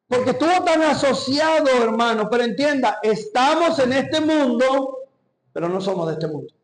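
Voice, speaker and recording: A male pastor preaching an impassioned sermon that often addresses the congregation directly, recorded in a church. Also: extremely high pitch. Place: church hall. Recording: echoey church hall.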